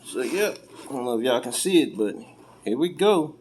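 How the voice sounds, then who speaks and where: With a mid-range, slightly mellow and expressive voice at normal speed, an American man chats informally while unboxing car audio equipment for review. His talk is folksy and colloquial, and the home-video recording is clearly noisy.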